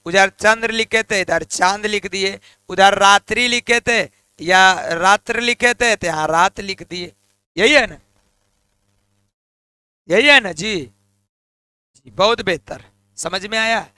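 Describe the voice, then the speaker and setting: High, bright-voiced man teaching grammar. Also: slow, pauses often, clean tone, no room sound. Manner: repeats key terms and prompts students to say them back; colloquial, addresses viewers as lions and lionesses. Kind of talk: exam-prep grammar lesson.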